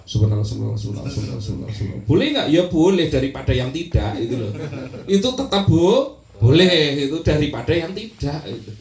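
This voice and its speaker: A man giving a religious lecture in an animated way, sometimes dropping into soft prayerful murmurs. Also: high voice, echoey room, poor audio. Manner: animated, shifts into soft prayerful murmurs when demonstrating zikir. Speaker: preacher.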